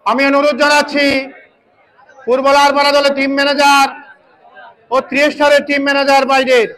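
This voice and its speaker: A man's voice: very high-pitched, level tone, a little fast, fairly bright tone, low-quality recording. A man with a Bangladeshi accent giving live commentary and announcements at a local football match, often repeating his phrases. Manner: repeats phrases as he calls play. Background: crowd at a local football match.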